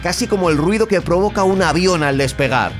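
Slightly high-voiced male sports storyteller. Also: animated, a little fast. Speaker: narrator, storyteller. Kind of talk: conversational scripted sports storytelling. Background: guitar and music.

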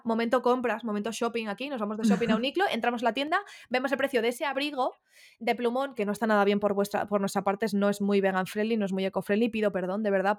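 A woman from Spain co-hosting a podcast in casual chat, playful and chatty, acting out quoted voices. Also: medium pitch. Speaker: podcast co-host.

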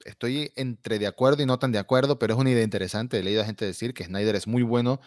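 A man's voice: medium pitch, fast, a little mellow, no room sound, studio quality. A man hosting a casual film chat, talking expressively and acting out quoted lines.

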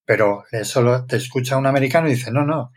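Husky-voiced man explaining patiently. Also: medium pitch, fast. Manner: explaining with examples. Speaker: podcast co-host, scientist. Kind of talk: casual chat.

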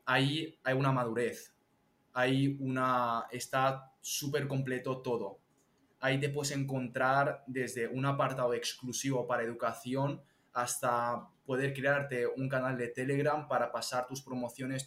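A man's voice: mid-range voice, a little slow. Young male guest in an echoey room. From Spain. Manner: lively, explains with examples. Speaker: guest, TikTok strategist. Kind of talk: casual interview chat.

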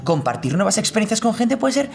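A woman voicing a bossy, hot-tempered female inner voice that shouts and rants, over background music. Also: medium pitch, very animated, quick pace. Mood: coaxing. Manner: shouty, swings from pleading to murderous rants.

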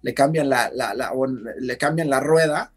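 A man, a podcast guest, telling a story in casual conversation, animated and acting out what others said. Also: medium pitch, a little slow, slightly rough, faint music behind. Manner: animated storyteller, acts out shouted quotes.

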